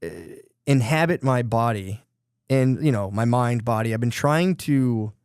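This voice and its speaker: A man's voice: medium pitch, a little slow, darkish tone, clean tone, no room sound, clean studio sound. A man co-hosting a podcast, talking in a rambling, self-deprecating way, swearing casually and saying "dude" often. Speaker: podcast co-host.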